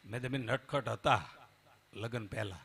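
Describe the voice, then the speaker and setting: A man doing live folk comedy, telling jokes and anecdotes on stage and swinging between loud bursts and hushed asides. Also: on the low side, measured pace, breathy edge. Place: live stage before a temple audience.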